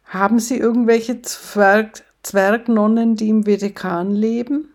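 A woman voicing a cheeky male devil who grins and taunts in a loud, sing-song voice. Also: on the high side, fairly even intonation, unhurried, lightly acted. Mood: mocking.

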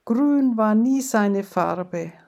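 A woman's voice: mid-range voice, expressive, drawn-out words, vocal fry, a little mellow, exaggerated voice. A woman voicing a grieving widow who sobs and sniffles at her husband's coffin. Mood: tearful. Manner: sobbing, sniffling.

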